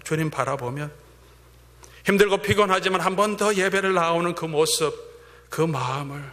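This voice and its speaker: A male pastor preaching a sermon, swinging between fervent emphasis and hushed whispers. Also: fairly high pitch. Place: church sanctuary. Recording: long church-hall reverb.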